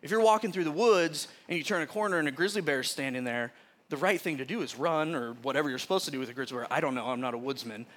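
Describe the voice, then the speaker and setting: Bright-voiced, lively man preaching. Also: on the high side, quick pace. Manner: animated, chatty storyteller who often laughs mid-sentence. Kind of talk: casual sermon with personal storytelling.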